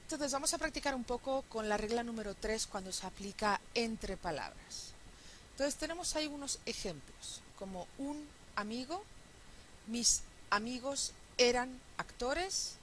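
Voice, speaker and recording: A woman teaching a phonetics lesson, explaining step by step and often checking understanding with a quick question. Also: a little high, expressive, fairly bright tone, a little hiss or hum, low-quality recording. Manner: counts syllables aloud slowly. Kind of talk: recorded classroom lecture.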